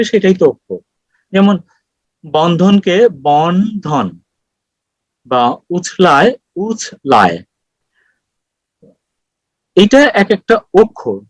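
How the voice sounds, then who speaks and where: A man giving an online lecture on poetry meter, explaining slowly with many pauses and fillers over a video call. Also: high-pitched, no echo, poor audio.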